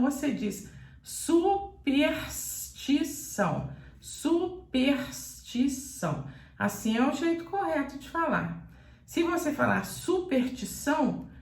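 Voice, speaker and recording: A Brazilian woman teaching pronunciation in a video lesson, speaking in a didactic, deliberate way and repeating words for emphasis. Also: on the high side, creaky, roomy sound. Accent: Brazilian Portuguese. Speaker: Portuguese teacher.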